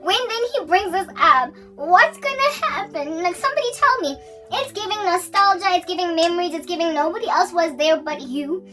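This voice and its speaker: A South African woman in her forties, telling a story in an animated way and laughing often as she talks. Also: very high-pitched, brisk, far from the mic, over loud music. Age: 40s. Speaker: vlogger. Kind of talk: casual storytelling.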